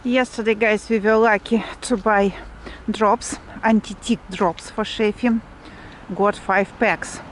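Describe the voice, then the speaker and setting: Woman, Russian accent, medium pitch, casual walk-and-talk, halting explanatory English, outdoors with clear traffic noise. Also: fairly even intonation. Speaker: vlogger. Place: outdoors, walking through a provincial town. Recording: clearly noisy outdoor street ambience, vehicles. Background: urban outdoor noise and vehicles.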